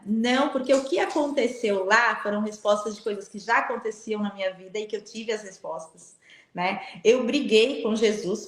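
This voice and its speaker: A middle-aged woman from Brazil, a guest telling a spiritual testimony in an animated way and acting out the dialogue. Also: fairly high pitch. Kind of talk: spiritual testimony in a live chat. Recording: echoey room.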